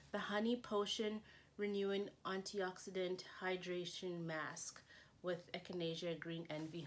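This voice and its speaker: A young woman talks through a beauty unboxing in a loose, chatty manner, her voice sitting a little low. She is excitable and leans on "like" as filler. A faint hiss of background noise runs under the recording. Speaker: beauty vlogger. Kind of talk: casual unboxing chat.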